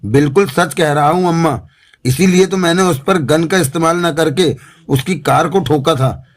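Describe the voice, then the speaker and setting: A man voicing a gruff male gangster with two pistols who talks in blustering slang, in an audiobook. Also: on the high side, normal speed, natural voice. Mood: boastful. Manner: Bombay street slang, blustering.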